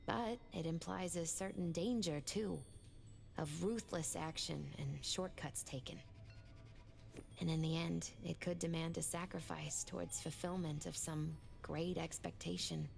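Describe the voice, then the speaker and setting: A woman playing a mystical, thoughtful tarot reader in a video game, speaking in a measured, musing way. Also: fairly low pitch, steady tone, gravelly, darkish tone. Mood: calm, musing. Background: faint music.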